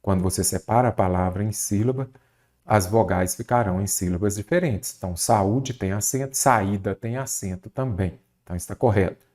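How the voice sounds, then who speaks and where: A man's voice: on the low side, fairly quick, a little mellow. A Brazilian man teaching a Portuguese grammar lesson for exam prep, asking questions and answering them himself.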